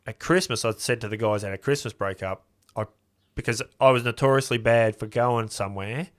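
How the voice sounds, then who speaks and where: An Australian custom car builder appears as a podcast guest, telling a story in a casual, chatty manner and acting out both sides of conversations he remembers. His voice is medium-pitched and a little fast.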